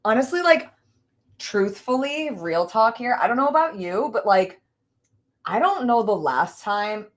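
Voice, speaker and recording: Young adult woman, livestream host, animated, loose and talkative. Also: on the high side, measured pace. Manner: animated, laughs often, lots of fillers. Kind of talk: casual chat with a friend.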